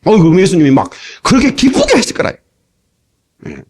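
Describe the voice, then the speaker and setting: A middle-aged male pastor preaching a sermon from an old cassette tape, animated and playful, acting out lively quoted dialogue. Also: sits high, a little fast, husky.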